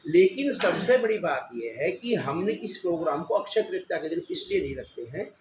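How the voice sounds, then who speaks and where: Male event organizer, emphatic and insistent, high voice, roomy recording. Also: big pitch swings, moderate pace. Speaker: event organizer at a press conference. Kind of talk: press conference answers. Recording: echoey room with background noise.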